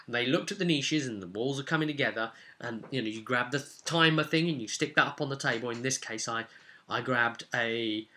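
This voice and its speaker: There's a little hiss or hum as this man recaps a tabletop session in a brisk, mid-range voice. A game master and video host, he rambles casually, repeating himself emphatically and tossing in rhetorical asides with animated energy.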